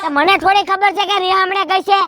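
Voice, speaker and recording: A man playing the quick-tempered son of an old couple, defiant and snapping back. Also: very high-pitched, steady tone, heavy background noise.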